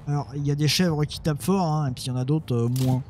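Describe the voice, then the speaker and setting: This let's play gamer talks quickly in a fairly high voice against a noisy background. He keeps up a casual, muttering commentary on his strategy game, poking fun at himself and speaking to his units.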